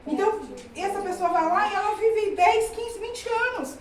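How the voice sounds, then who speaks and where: A woman's voice: extremely high pitch, moderate pace, slight background noise. A middle-aged woman giving a testimony in a church service, telling her story fervently with lots of repetition. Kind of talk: testimony sermon to a congregation. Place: church hall with congregation. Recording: echoey hall from far off with congregation.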